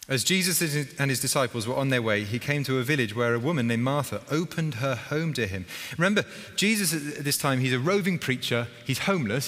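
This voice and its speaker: Preacher with a chatty delivery. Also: male voice, mid-range voice, fairly bright tone, in a large hall. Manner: conversational, asks the congregation questions, acts out scenes. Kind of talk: sermon.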